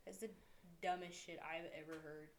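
A woman's voice: deep voice, steady tone, normal speed. A woman chatting casually with a friend, blunt and swearing, often laughing. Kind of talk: casual chat.

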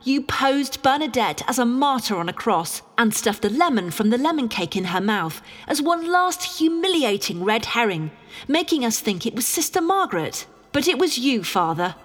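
A woman acting as a sharp lady sleuth in an audio drama, her voice ringing through a long hall reverb. She is highish in pitch and sweeps up and down as she declaims like an accuser. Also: sing-song, normal speed. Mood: righteous, condemning. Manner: theatrical, declamatory. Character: Ginger, sharp accusing amateur woman detective, loving beneath.

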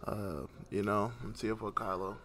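A man's voice: lowish voice, little pitch movement, normal speed, a bit bright. A man hosting a casual podcast chat, rambling and teasing in loose slang. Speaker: podcast host.

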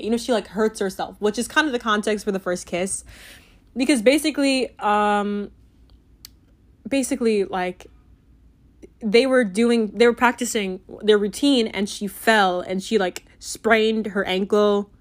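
A young woman chatting casually about a book she loved, gushing and giggly, with many filler "like"s. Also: mid-range voice. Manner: giggly and animated. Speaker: book reviewer. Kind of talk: casual book review chat.

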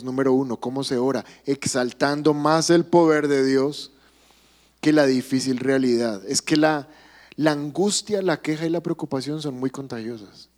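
A man's voice: mid-range voice, a little mellow. A man, a pastor preaching a sermon at a church service, emphatic and asking the congregation questions.

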